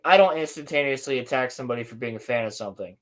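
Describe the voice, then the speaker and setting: A man hosting a podcast, chatting casually and stumbling over repeated words. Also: medium pitch. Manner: easygoing, halting, repeats words. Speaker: podcast host. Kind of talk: casual reaction chat.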